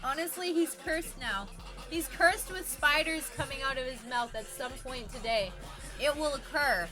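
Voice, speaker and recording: A young adult woman streams live, chatting casually with viewers in slangy, sweary stoner talk. Her voice is high and her pace normal, with music playing underneath.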